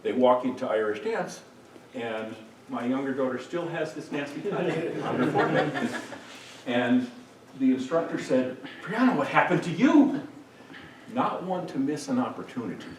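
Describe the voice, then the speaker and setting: A middle-aged man instructing a group in a hands-on demonstration, relaxed and joking as he works. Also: mid-range voice, moderate pace. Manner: relaxed, jokey, talks while working. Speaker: first aid instructor. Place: room with participants. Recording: echoey room, distant mic, noisy.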